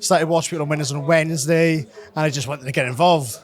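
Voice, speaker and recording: A man with a South Welsh accent and a voice pitched a little high. He gives an informal testimonial, answering interview questions in short, clipped phrases. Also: fairly even intonation, fast talker. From South Wales. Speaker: academy student giving a testimonial.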